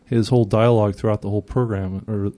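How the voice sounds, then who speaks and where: A man's voice: on the low side, fairly even intonation, fast talker, warm tone. A man co-hosting a casual chat, hesitant and prone to restarting sentences, a bit contrarian. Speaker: podcast co-host.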